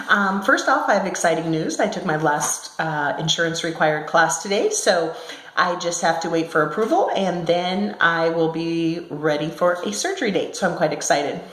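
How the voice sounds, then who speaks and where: A woman's voice: on the low side, fairly bright tone. Woman talking in an echoey room. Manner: chatty, with many ums and self-corrections. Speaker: vlogger. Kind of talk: casual talk to camera. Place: small room at her workplace.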